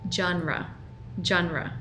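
A woman teaching pronunciation, repeating each word slowly and carefully as a language teacher. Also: lowish voice, fairly even intonation, over music. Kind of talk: pronunciation lesson.

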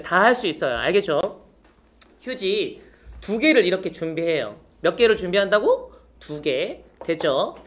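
Guy teaching magic tricks online, super lively up and down voice, jokey and teasing. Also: high-pitched. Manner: playful, teasing jokes then "just kidding"; step-by-step instructing, checks in often. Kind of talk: online magic lesson for youth.

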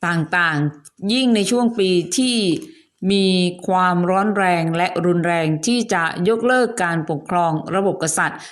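A woman's voice: fairly low pitch, animated, measured pace. A woman host narrating a history story in a chatty, polite way, adding asides and courteous particles.

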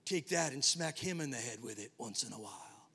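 A male pastor preaching a sermon, telling a personal story with dramatic swings between hushed and emphatic delivery. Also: mid-range voice, animated, brisk, gravelly, breathy edge, big-room sound. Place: church sanctuary.

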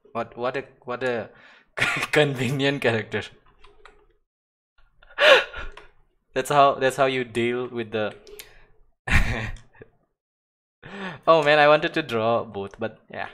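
A man's voice: medium pitch, normal speed, few pauses. A man casually chatting on a live stream as he paints, rambling, laughing and trailing off into mumbles. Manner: rambling, self-interrupting, laughs and swears often; drifts into quiet mumbling to himself while working. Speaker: digital artist streaming.

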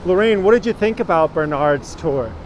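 A man in his thirties with a fairly high, expressive voice live-streams a walking tour at a normal speed, greeting viewers by name as he goes. He films himself on a phone held at arm's length along a city street, and the audio is poor, with traffic in the background.

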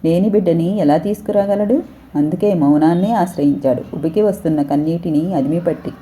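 A woman reading a story aloud as narrator, steady and even. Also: lowish voice, a little fast, a little hiss or hum.

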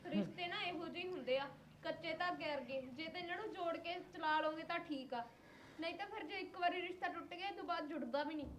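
A woman playing a patient young wife who pleads calmly with her mother-in-law, in a Punjabi accent. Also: very high-pitched, quick pace. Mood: pleading. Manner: pleading, reasonable. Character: patient young wife married without dowry. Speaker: daughter-in-law. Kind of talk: acted family drama.

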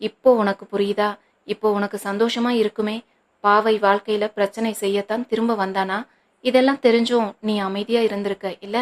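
A woman's voice: mid-range voice, little pitch movement, normal speed, lightly acted. A woman reading a novel aloud, voicing an angry, protective older brother who scolds his sister sharply.

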